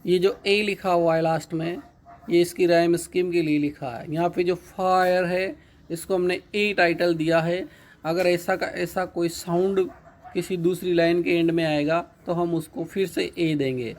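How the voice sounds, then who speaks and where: A male teacher giving a patient, repetitive lecture, reading each line of an English poem slowly and then explaining it in Hindi. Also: high-pitched, steady tone.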